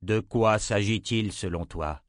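Male narrator doing a slow, booming wizard, low and weighty, audiobook. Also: dry recording, clean studio sound. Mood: deliberate. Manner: slow, deliberate, stentorian.

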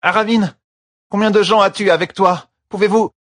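A man reading an audiobook and voicing a hoarse, exhausted noblewoman who gives orders in a croaking voice. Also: high-pitched, fairly even intonation, moderate pace, a bit bright, no room sound, clean studio sound, pitched above the performer's own voice. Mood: urgent. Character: exhausted noblewoman, a commanding lady.

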